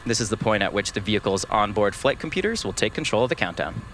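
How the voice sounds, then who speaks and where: A man hosting a live launch webcast with measured, explanatory commentary. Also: lowish voice, animated, a bit bright, slight background noise.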